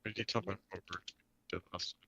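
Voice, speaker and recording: A man's voice: sits low, fairly even intonation, moderate pace, sharp tone. A man chatting with friends on a voice call, his audio glitching into a choppy, robotic warble. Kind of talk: casual chat.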